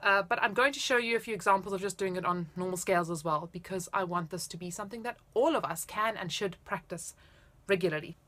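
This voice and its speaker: A woman's voice: mid-range voice, quick pace, a bit bright. A woman in her thirties giving casual, explanatory and encouraging music instruction to camera. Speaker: flute teacher. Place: indoors, small room at home.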